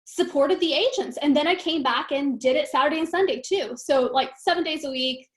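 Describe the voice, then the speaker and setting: A woman's voice: sits high, fairly quick. A woman in her thirties, from Romania, guest on a live stream, telling her story in a candid, chatty way with frequent fillers over a video call. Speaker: guest team leader. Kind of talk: casual talk on a live stream.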